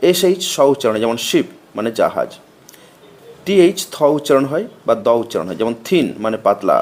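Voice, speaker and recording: Man reciting a grammar lesson, lively pitch. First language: Bengali. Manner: slow, methodical recitation of letters and meanings. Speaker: teacher. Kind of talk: reading a grammar lesson aloud.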